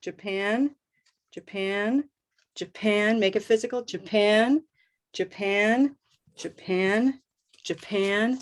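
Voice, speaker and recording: An upbeat American woman hosting a live online English pronunciation lesson and repeating words slowly for learners. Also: mid-range voice. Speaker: host and English pronunciation teacher.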